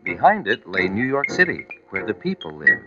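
A man narrating a children's storybook in a slow, expressive reading voice. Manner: slow, expressive reading with lively, rising and falling pitch. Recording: muffled old vinyl record with music.

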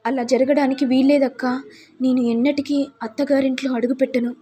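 A woman's voice: sits high, little pitch movement, a little fast, mellow, a little hiss or hum, close to an everyday voice. A woman voicing a meek, devoted young wife who pleads in sorrow, in a retold family serial. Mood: sorrowful.

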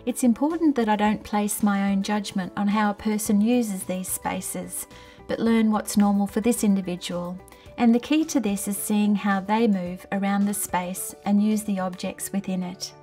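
Middle-aged woman, occupational therapist, mid-pitched, calm and measured training narration. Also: far from the mic. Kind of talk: scripted training narration and gentle client questioning. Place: small tiled bathroom in a home.

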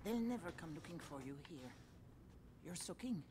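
A woman's voice: fairly low pitch, animated, moderate pace, noisy background, lightly acted. A woman playing a kind, soothing old woman. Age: older. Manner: soft, soothing reassurance.

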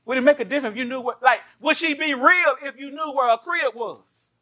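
A male pastor, preaching a lively sermon and firing rhetorical questions at his congregation. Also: very high-pitched, a little fast. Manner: animated, asks the congregation many rhetorical questions. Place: church.

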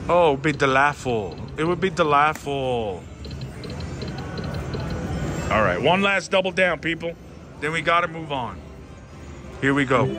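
Male gambling vlogger, higher-pitched and swooping, theatrical casual commentary with pleading repeats, clear machine music behind. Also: lively intonation, unhurried, pauses often. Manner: theatrical, addresses viewers, repeats phrases pleadingly. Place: busy casino floor at a slot machine. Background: slot machine music.

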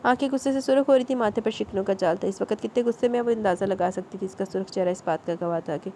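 Woman reading a novel in a dark mellow voice. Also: mid-range voice, slight background noise. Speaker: audiobook narrator. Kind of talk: scripted novel narration.

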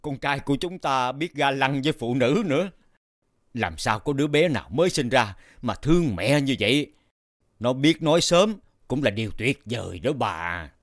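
A man voicing a kind, cheerful village husband in a cartoon, gentle and reassuring. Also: medium pitch, lively intonation, moderate pace, no room sound, studio quality, natural voice. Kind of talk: 3D cartoon dubbing.

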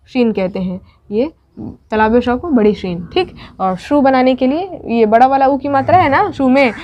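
Woman tutor, high-ish voice, patient step-by-step explainer, dull lo-fi sound. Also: a little mellow. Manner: patient, repeats and checks with "thik". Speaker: Urdu teacher. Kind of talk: step-by-step writing lesson.

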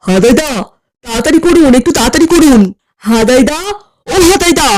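A harried young cartoon husband, voiced by a woman, urgent and pleading in tone. The pitch is pushed lower than her naturally high voice. It is a light comic cartoon read. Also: lively intonation, brisk, a little mellow.

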